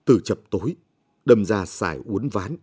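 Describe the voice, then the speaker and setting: Brief: a man voicing a poor peasant husband, weary and subdued, low slow husky voice, storybook reading. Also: expressive, dark tone.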